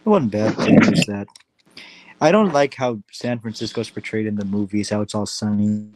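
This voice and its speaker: A man's voice: on the low side, normal speed, darkish tone, slight background noise. A man from the Philippines chatting casually and teasing on a livestream. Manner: playful, teasing. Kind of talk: casual group chat.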